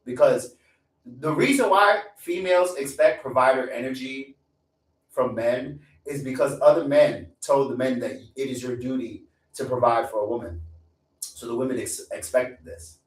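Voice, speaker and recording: At medium pitch and normal speed, a male live streamer in his twenties rants casually and profanely, repeating lines for emphasis. The room echoes and he's far from the mic.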